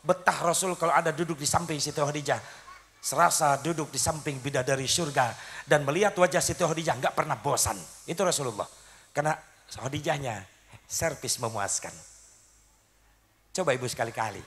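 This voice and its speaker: A man's voice: fairly high pitch, brisk, fairly bright tone. A man, preaching a comic sermon to a crowd and acting out husbands and wives in jokey skits. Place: outdoor community stage.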